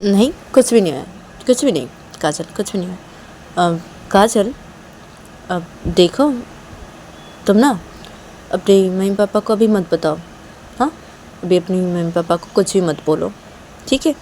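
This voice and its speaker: A woman voicing a calm young woman who gently coaxes and advises a friend. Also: mid-range voice, unhurried, pauses often, slight background noise, natural voice. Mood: coaxing. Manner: soothing, coaxing.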